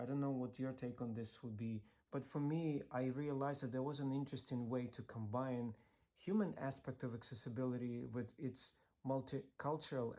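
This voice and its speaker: Earnest man from Ukraine, steady delivery. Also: mid-range voice. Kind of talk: scripted video talk.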